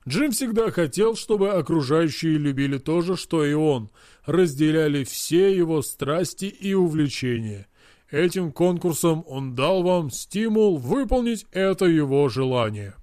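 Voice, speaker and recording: A man doing a calm, reflective older gentleman. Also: a little high, no room sound, studio quality. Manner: measured, plain, reflective. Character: calm older man, old friend of a famous designer.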